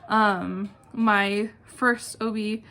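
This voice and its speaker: A woman's voice: medium pitch, steady tone, very slow, sharp tone. A young adult woman talking casually and informally to her channel in a self-deprecating, chatty way, with clicking in the background. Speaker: video channel host. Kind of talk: casual one-take vlog chat, answering questions. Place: at home, indoors. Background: clicking ceiling fan, possible neighbors talking outside.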